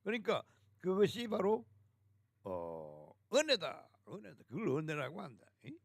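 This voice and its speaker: A man's voice: sits high, wildly swooping pitch, gravelly, no room sound. A man preaching a fiery sermon, scolding harshly and hurling coarse insults. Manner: sings a hymn slowly.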